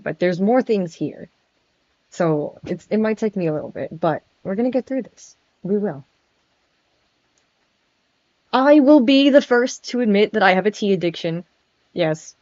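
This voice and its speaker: A woman with a mid-range, slightly mellow voice streams in character as a friendly male vampire prince, casually chatting with nervous giggles and stammering. The lo-fi mic is dry and dull with no room sound.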